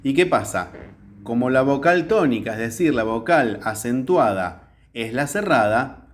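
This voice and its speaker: A man's voice: mid-range voice, animated, measured pace, slight background noise. A male teacher explaining a grammar lesson at a whiteboard step by step, often checking in with the class.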